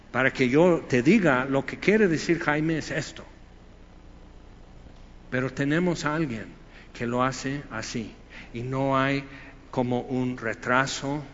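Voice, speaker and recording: Casting: older preacher, animated and fairly high-voiced, recorded in a long-reverb hall. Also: male voice, muffled recording, a little hiss or hum. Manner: animated, swinging from loud bursts to hushed asides. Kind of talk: sermon.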